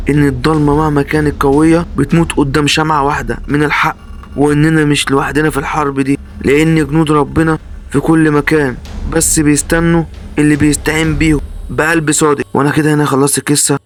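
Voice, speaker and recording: A man's voice: a little high, level tone, fast, slight background noise. A man with an Egyptian Arabic accent narrating a horror story in a dramatic, suspenseful style. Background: faint music.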